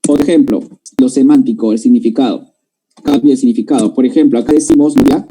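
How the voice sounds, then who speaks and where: This Lima-accented Peruvian man has a mid-range, mellow yet slightly rough voice and talks fairly quickly. Lecturing in a language class, he breaks things down step by step and keeps checking that his listeners are following, captured on a rough recording.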